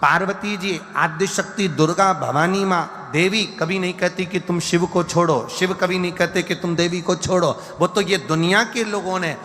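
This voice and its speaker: A man preaching a devotional sermon from central India, slow and repetitive, building his points through lists. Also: high voice, steady tone, sharp tone. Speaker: religious storyteller. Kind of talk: devotional sermon with sung verses. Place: large live gathering hall. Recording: long hall reverb with faint music.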